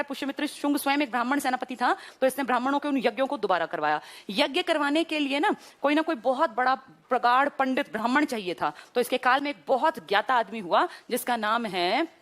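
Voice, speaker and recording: A woman teacher giving an exam-prep history lesson, explaining step by step and asking and answering her own questions. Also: a little high.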